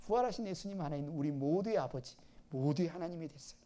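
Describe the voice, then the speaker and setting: Delivering a sermon fast and with lively intonation, this pastor has a slightly high voice. Repetition, questions put to the congregation, and quoted lines performed in abrupt loud outbursts mark his preaching.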